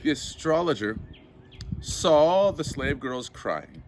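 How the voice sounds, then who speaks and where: A man teaching Latin, reading a story aloud to his class in a slow, theatrical way and translating line by line. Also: fairly high pitch, big pitch swings, slight background noise.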